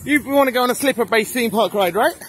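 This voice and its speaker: A man's voice: extremely high pitch, fast, fairly bright tone. A middle-aged man hosting a casual vlog at an outdoor theme park, playfully teasing and quizzing the kids about the rides. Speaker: vlog host and father.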